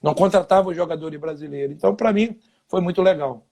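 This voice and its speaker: A man's voice: fairly high pitch, fast, vocal fry, warm tone. A Brazilian man in his fifties, a former footballer, telling anecdotes in a casual interview with quoted dialogue.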